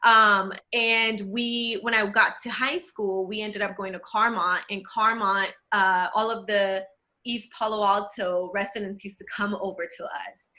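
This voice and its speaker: A woman from El Salvador talking casually with a friend on a podcast, animated and laughing often. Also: mid-range voice, measured pace. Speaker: podcast co-host. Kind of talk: casual conversation.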